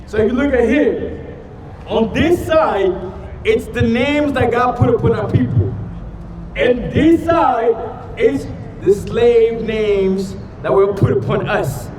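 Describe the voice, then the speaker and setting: A man preaching on a city street, loud and emphatic, quizzing passers-by with questions. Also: very high-pitched, slow, crowd noise. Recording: distant, echoey street recording with music.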